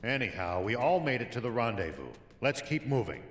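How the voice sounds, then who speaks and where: Calm careful game sidekick, varied pitch, echoey hall. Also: male voice, a little fast, faint music behind. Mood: cautious. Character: calm, cautious male companion in a game.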